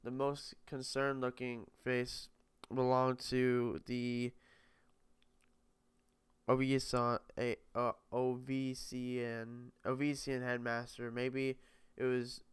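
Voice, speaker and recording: A man's voice: mid-range voice, smooth, dry recording. A young man casually reading a novel aloud, often stumbling over words and correcting himself. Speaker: reader.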